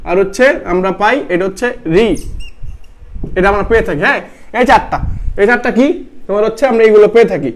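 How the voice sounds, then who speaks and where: A young man with a notably high voice runs a live online grammar class. He repeats every question several times, quizzes his viewers and reads out their comment answers. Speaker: admission test tutor.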